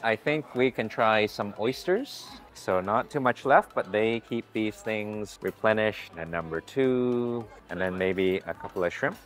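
With a lowish voice at a slightly slow pace and hardly any pauses, a food vlogger in his forties narrates his casual tour of a hotel buffet restaurant. He's upbeat and chatty, often greeting staff warmly, as soft background music plays.

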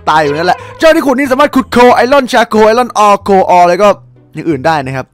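Excitable young man, high lively voice. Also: a little fast, faint music behind. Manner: excitable, loud outbursts and crude jokes. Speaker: gaming YouTuber. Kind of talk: casual game commentary.

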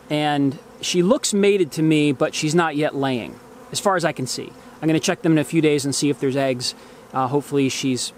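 Recorded outside in a grassy bee yard amid buzzing bees and insects, a beekeeper vlogger in his forties narrates a hive inspection casually, half to himself. His voice is on the high side, and there's a little hiss or hum in the audio.

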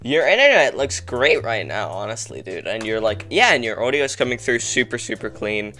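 Very animated and bright, with a pushed, mid-range voice at a moderate pace, this young English podcast guest rambles through a casual video-call chat. He fills his talk with "like" and laughs a lot, with soft background music underneath.

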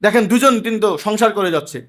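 A man's voice: high-pitched, animated, fast talker. A man preaching an emphatic sermon to a gathering, telling everyday anecdotes.

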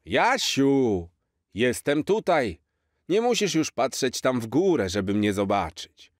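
Jolly old santa, slow and cozy and fatherly, a guy doing the voice in a kids' story. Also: medium pitch, big pitch swings, dry recording, studio quality, voice pushed up. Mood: gentle. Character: jolly kind old Santa Claus, warm and gentle. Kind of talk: storybook character voice.

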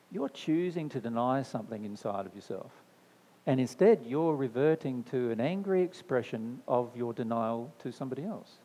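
A man's voice: medium pitch, mellow. A man giving a spiritual talk to a live audience, answering their questions in a conversational way, often checking in with "right?" and repeating phrases for emphasis. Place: discussion venue, indoors. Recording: long hall reverb.

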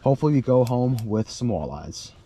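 A young man hosting an outdoor fishing vlog, talking in a chatty, upbeat and excitable way into an action camera. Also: medium pitch, brisk, husky. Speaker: host. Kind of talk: casual outdoor vlog narration. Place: ice fishing shelter and open frozen lake, later a home kitchen. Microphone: handheld or body-worn action camera.

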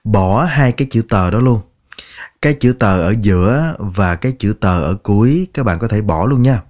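A man teaching English phrases, patiently repeating each word slowly and clearly in a lesson. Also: on the low side, animated, a little mellow. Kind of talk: language lesson.

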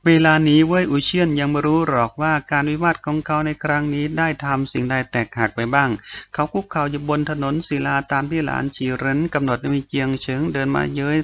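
A man reads a fantasy novel aloud in a calm, even manner. His voice sits a bit high for a man. A faint hiss of noise runs under the reading. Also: a little fast. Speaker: audiobook narrator.

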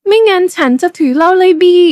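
A woman voicing a bossy, tipsy wife who loudly mocks her drunk husband by acting drunk herself, taunting him with a slurring, rowdy delivery in a dry storybook reading. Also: very high-pitched, fast talker, dry recording, pitched above the performer's own voice. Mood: bossy mocking.

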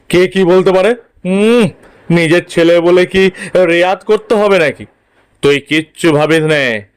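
A man voicing a boastful, insistent middle-aged father in a story reading, loud and coaxing. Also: on the high side, smooth.

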